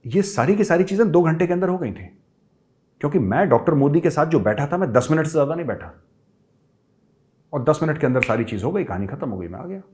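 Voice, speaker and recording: Animated middle-aged male storyteller. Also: fairly high pitch, quick pace. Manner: lively, acts out quoted people with raised voice, mixes English phrases. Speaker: show host telling a personal story.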